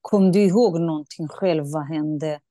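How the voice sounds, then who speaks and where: A woman's voice: deep voice, mellow, no echo, studio quality. A woman interviewing a guest, asking emotional, empathetic questions with frequent restarts. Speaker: host. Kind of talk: conversational interview.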